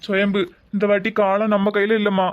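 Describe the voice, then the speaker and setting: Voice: mid-range voice, little pitch movement, a little fast, clean tone, lo-fi sound, natural voice. An actor voicing a drunk middle-aged husband in a comedy cartoon, with a Tirunelveli Tamil accent, talking in a slurred, mournful way. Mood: glum. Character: drunk middle-aged husband who lost family gold.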